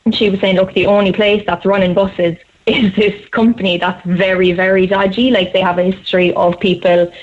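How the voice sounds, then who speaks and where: Quick-talking Cork Irish woman. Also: medium pitch. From Cork, Ireland. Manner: quick, animated, laughs through the story. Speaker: guest storyteller. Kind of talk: casual storytelling on radio. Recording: slightly dull radio sound.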